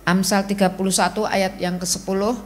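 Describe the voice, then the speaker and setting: A woman's voice: mid-range voice, level tone, a little fast. A middle-aged woman, preaching to a women's church service in a conversational, storytelling way. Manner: conversational storytelling, Javanese-tinged Indonesian. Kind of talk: sermon.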